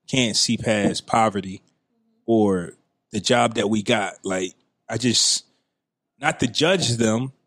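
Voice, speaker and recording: Earnest man thinking out loud. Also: lowish voice. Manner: earnest, repeats words while thinking aloud. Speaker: podcast co-host. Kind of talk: casual chat.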